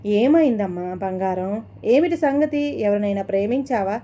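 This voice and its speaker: A gentle middle-aged father asks his daughter soft, patient questions in an audio story, as a woman narrator plays him. The voice stays high and mellow. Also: expressive, moderate pace, close to an everyday voice. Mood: coaxing.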